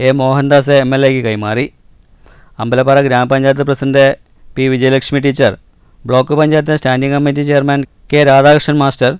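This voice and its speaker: A male news reporter from Kerala reading a scripted voice-over in a measured, formal way. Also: fairly high pitch, clear, resonant tone, no room sound, clean studio sound. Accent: Malayalam, Kerala. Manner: measured formal reading, drops at sign-offs.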